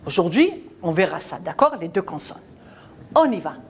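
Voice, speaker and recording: A woman teaching a children's phonics lesson, patient and questioning, spelling out letters and sounds slowly. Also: fairly low pitch, very animated, a little hiss or hum.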